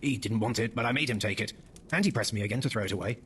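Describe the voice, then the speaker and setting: A man playing a mild, excitable old father, hesitant and easily startled, in a dramatic horror reading. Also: lowish voice, racing, slight background noise, close to an everyday voice. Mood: sheepish, unsure.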